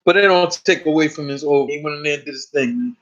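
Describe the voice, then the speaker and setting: A man with a New York accent hosting a casual live stream, his voice sitting a little high. He talks loosely and profanely, stumbling and repeating words. The audio is dull and lo-fi. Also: fast talker, a bit bright. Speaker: host.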